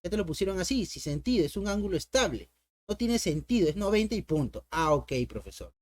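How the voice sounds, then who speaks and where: A man's voice: high voice, expressive, quick pace, darkish tone. A man teaching an online math lesson in a playful, coaxing way. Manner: playful, coaxing, talks to viewers and imagined students.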